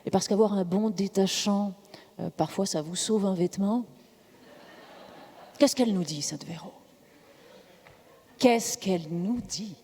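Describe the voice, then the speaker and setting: Mock officiant, slow and solemn, builds to fervent outcries; live parody sermon in a temple hall. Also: medium pitch, dark tone, a little hiss or hum. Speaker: comic officiant of a mock mass.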